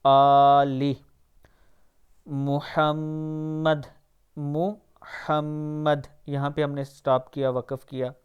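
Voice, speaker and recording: A man with a Pakistani Urdu accent teaching the pronunciation of a prayer, drawing each word out slowly, then explaining quickly. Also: medium pitch, completely flat delivery, clear, resonant tone, lo-fi sound. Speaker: Quran recitation teacher. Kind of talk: pronunciation lesson.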